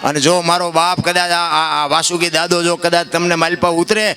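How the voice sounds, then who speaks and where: Storyteller man, high and ringing. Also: flat delivery, moderate pace, pushed and bright, faint music behind. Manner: preachy, rising to emotional high-pitched outbursts. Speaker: dayro storyteller. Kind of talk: folk discourse to a live audience.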